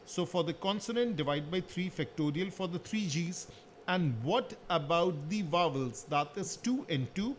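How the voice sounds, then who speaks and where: A maths teacher with a rather high voice talks through a worked solution one step at a time, putting questions to the class and answering them himself. A faint hiss of background noise sits under his voice.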